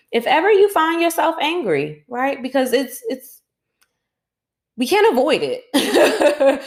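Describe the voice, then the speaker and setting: Slow, low-voiced woman guiding breathing. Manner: slow, calm guiding voice, often tags sentences with "right?". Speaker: podcast host and Reiki teacher. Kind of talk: guided breathing exercise and motivational talk.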